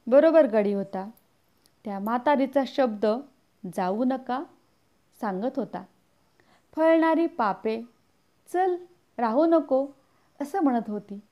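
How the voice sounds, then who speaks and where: A woman reads a story aloud in a measured, deliberate way, her pace very slow and her voice fairly high. The recording is dull and lo-fi. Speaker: audiobook narrator. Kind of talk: scripted narration.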